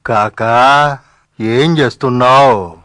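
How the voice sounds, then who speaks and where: An actor playing a stern, commanding old male saint who speaks slowly and breaks into angry shouts. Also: dry recording, clean studio sound. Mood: calm, commanding. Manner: slow, lively pitch, bursts into angry shouts. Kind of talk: devotional drama dialogue.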